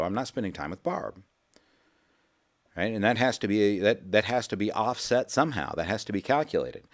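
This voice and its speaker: Man, deep low voice, rambling folksy radio host, casual talk. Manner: rambling, repeats words, folksy. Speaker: financial radio show host. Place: radio studio.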